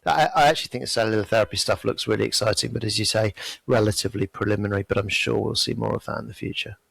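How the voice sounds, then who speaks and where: A middle-aged man with a low, gravelly voice co-hosts a casual medical podcast. He talks in a measured, frank way with a dry skeptical edge. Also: fairly even intonation, fairly bright tone, no echo, rough recording. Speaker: podcast co-host, melanoma doctor.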